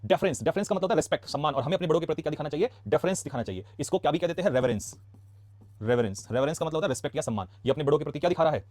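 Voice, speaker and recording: A man with an Indian accent teaching English vocabulary in a casual classroom style, asking quick questions and answering them himself. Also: fairly high pitch, lively intonation, a little mellow, dry recording. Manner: rapid, chatty, asks quick questions then answers them. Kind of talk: casual classroom lesson explaining words.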